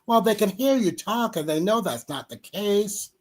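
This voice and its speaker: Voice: mid-range voice, lively intonation, normal speed, darkish tone. A co-host in a casual chat who teases and scolds in a dry way.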